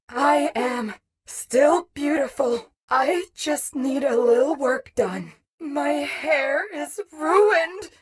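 Game role: conceited animatronic she-wolf, competitive and threatening with brittle ego; heavily husky, drawn-out taunting delivery. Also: on the high side, heavily acted. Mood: wounded, whiny. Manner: boastful, taunting, theatrical. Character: vain, competitive animatronic wolf rock star, menacing and insecure. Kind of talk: video game character voice acting.

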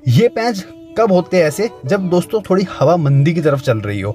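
A man's voice: fairly high pitch, sing-song, normal speed, mellow, faint music behind. A young man vlogging from an open rooftop, chatting casually and calling out a kite match live. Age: young adult. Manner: chatty, keeps saying "friends" and "okay?". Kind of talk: casual demo and live commentary.

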